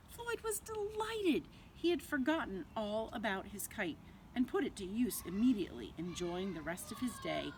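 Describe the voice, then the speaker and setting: A woman with a medium-pitched voice reads a picture book expressively to young children as a nursery teacher would, pausing dramatically and stretching out words. The recording is rough, with a little hiss or hum.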